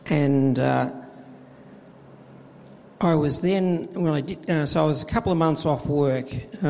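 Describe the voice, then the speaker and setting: Gravelly middle-aged man, reverberant hall. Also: mid-range voice, mellow, slight background noise. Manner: halting, with many fillers and restarts. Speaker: church volunteer administrator. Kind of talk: personal faith testimony in interview. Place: church.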